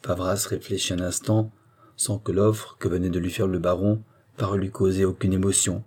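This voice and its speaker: A man narrating a classic novel in a measured, even storytelling manner. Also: low-pitched, husky. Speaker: audiobook narrator. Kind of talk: scripted literary narration.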